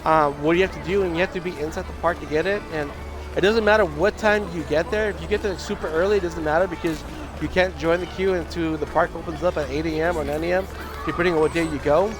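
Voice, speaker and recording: This streamer's voice is on the high side, steady in tone and fast, but hoarse and scratchy, and he mentions it's going. He rambles casually on his livestream with lots of restarts while game music plays behind him.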